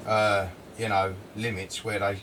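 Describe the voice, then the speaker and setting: A man's voice: lowish voice, little pitch movement, measured pace. A man with a southern English accent chatting casually outdoors in the wind, rambling informally with some hesitation. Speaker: co-host. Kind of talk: casual vlog chat. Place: outdoors on a windy day. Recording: windy outdoor mic, noisy, distant.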